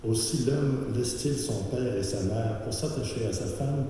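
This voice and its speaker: An older man reading scripture aloud at a church service, steady and careful. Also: mid-range voice, moderate pace, a little hiss or hum. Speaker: scripture reader. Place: large church. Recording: echoey church hall from far off.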